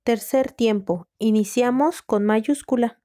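Slow-dictating woman teacher. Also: a little high, dark tone. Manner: syllable by syllable, with long pauses. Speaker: first-grade teacher. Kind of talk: slow sentence dictation for children.

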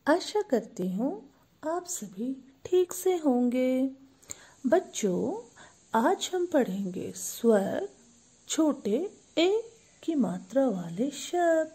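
Woman, Indian accent, kindergarten teacher, breathy, very slow, drawn-out sounds. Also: sits high, big pitch swings, dark tone. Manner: slow, drawn-out words, repeats sounds for kids to echo. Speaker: school teacher. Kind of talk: recorded online class for young children.

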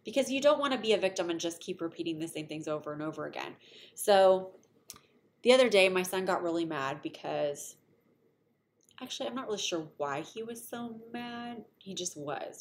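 A woman's voice: on the low side, animated, normal speed, slight background noise. A middle-aged woman giving a casual recorded lecture to college students, conversational with frequent fillers. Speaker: college instructor.

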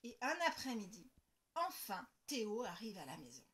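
A woman educator reading a picture book aloud to small children, expressive and sing-song. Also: mid-range voice, normal speed, noisy background.

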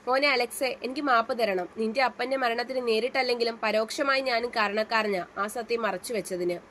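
A woman's voice: fairly high pitch, fairly even intonation, brisk, fairly bright tone, slight background noise, close to an everyday voice. A woman voicing an older man, a guilt-ridden father pleading for forgiveness in a read-aloud story. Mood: remorseful.

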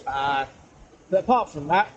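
This pipe-smoking vlogger, a middle-aged man, chats hesitantly in a wooded valley, fixing his own words as he rambles on. His fairly high voice moves with lively intonation at an unhurried pace, and the audio has its highs cut off. A distant camera captures him amid outdoor ambient noise.

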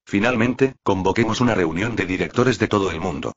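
A man's voice: lowish voice, brisk, husky, highs cut off. A man reading a greedy minotaur tycoon. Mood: scheming. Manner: gloating, greedy and furious. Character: cruel bull-headed minotaur tycoon, male, huge.

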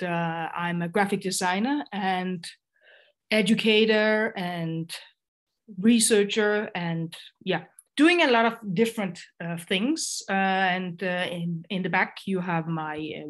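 A middle-aged Danish graphic designer and educator, speaking with a Danish accent, gives an online design lecture over video call. Her voice is lowish and slow, and she hesitates with many fillers and restarts.

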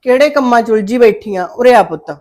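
A woman with a somewhat high, expressive, natural voice speaks a little quickly, playing a sharp-tongued, scheming middle-aged village mother in a family drama. Worried and fretful, she alternately coaxes and scolds her daughter, getting loud when she calls out.

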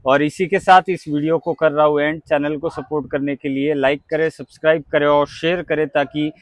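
A man vlogging a walkthrough of a saree wholesale shop, excitable and quick to repeat his praise. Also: on the high side, dry recording. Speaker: market vlogger. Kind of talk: casual showroom walkthrough.

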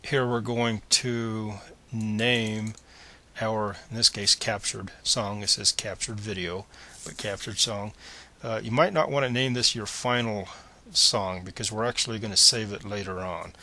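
Speaking as a screencast tutorial presenter, a man walks through computer instructions one step at a time. His voice is fairly low with a bright, forward edge, and his plain, methodical delivery keeps a fairly even intonation at a slightly slow pace.

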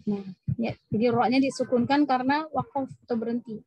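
A woman's voice: a little high, husky, no echo, muffled recording. A woman teaching Quran recitation rules at a mosque women's session, patiently drawing out Arabic example words. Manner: patient, drawn-out demonstration of Arabic sounds. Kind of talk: tajweed lesson with recited examples.

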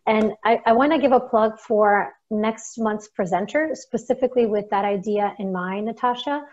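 A woman hosting an online seminar, wrapping up with thanks and announcements in a measured way over a video call. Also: mid-range voice, a little mellow. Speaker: webinar host. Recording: dull lo-fi call audio.

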